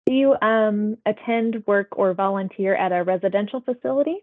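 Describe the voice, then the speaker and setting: Over a thin, tinny line that sounds like a phone, a female public health interviewer runs through a health survey at a moderate pace. Her medium-pitched voice stays polite and conversational as she works through scripted questions, acknowledging each answer.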